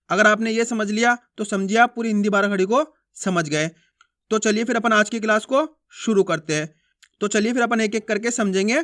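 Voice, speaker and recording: A man teaching a friendly alphabet lesson, asking the viewer questions and repeating each sound slowly and drawn out. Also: high-pitched, pushed and bright.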